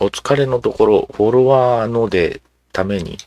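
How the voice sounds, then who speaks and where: A man giving casual commentary as he reads social media replies aloud, musing and halting, with many fillers and asides. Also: on the low side, darkish tone.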